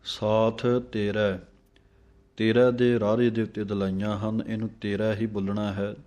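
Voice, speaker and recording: A man teaching careful scripture recitation line by line, chanting each phrase slowly and then briefly explaining how to say it. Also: lowish voice, level tone, warm tone. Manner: slow chanted lines, then quick spoken corrections.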